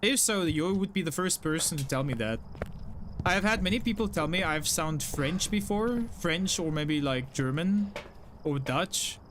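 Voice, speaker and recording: A young South African man with an Afrikaans English accent casually chats with his live-stream audience and reads chat messages, sounding apologetic and repeating himself with lots of "like" fillers. His voice is fairly high, animated and fairly bright at normal speed, with a little hiss or hum.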